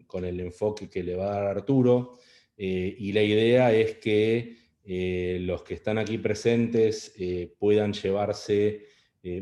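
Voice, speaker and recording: In an echoey room, a middle-aged Argentine Spanish-accented man presents an online webinar talk. His fairly low, warm voice comes across as hesitant, packed with fillers and restarts.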